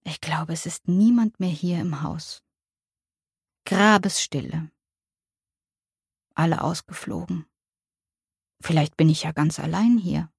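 Woman voicing a soft-spoken elderly mother. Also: deep voice, takes it slowly, vocal fry, long pauses, husky, no room sound, clean studio sound, exaggerated voice. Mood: musing. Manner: soft, quiet and simple. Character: frail elderly mother in a care home, childlike.

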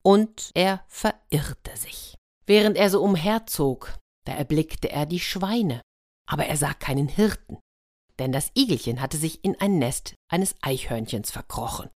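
A woman telling a fairy tale to children, lively, with chatty asides to her listeners. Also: deep voice, unhurried, dry recording, clean studio sound. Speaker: children's storyteller. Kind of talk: storytelling for children.

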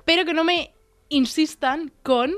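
A young woman co-hosting a casual chat, ranting loudly and with animation about her pet peeves. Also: high-pitched, measured pace, faint music behind. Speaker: podcast co-host.

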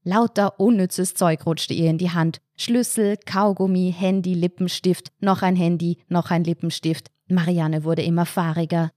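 Mellow low-voiced woman narrating. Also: fairly even intonation, normal speed, few pauses, no echo, studio quality. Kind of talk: scripted story narration.

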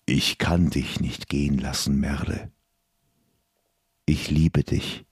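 A man's voice: low-pitched, expressive, takes it slowly, darkish tone, husky, dry recording, clean studio sound, heavily acted. A man voicing a devoted male dwarf warrior who pleads earnestly. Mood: tender.

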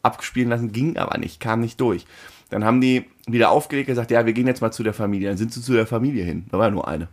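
A man in casual chat, telling an animated story and acting out the phone calls in it. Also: mid-range voice, fast talker.

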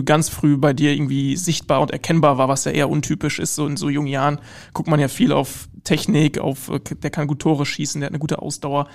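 Male host, somewhat high pitch, friendly and thorough interviewer. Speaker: podcast host. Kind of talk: casual interview.

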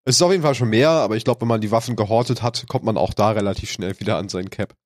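A man's voice: on the low side, racing, dry recording, studio quality. A man with a snotty cold and a stuffy, nasal voice, casually hosting a podcast. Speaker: podcast host.

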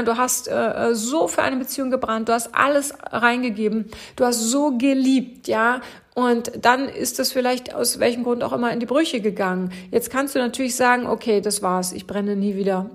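A woman giving a motivational talk to her listeners, encouraging and speaking to them directly, sometimes slowing into a whisper for emphasis. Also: fairly high pitch, steady tone. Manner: encouraging, addresses listener directly, frequent "ja" tags.

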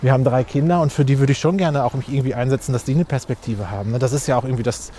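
A man's voice: mid-range voice, rapid-fire, warm tone, a little hiss or hum. A man, answering interview questions outdoors with many fillers and restarts. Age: 40s. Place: outdoors on a street.

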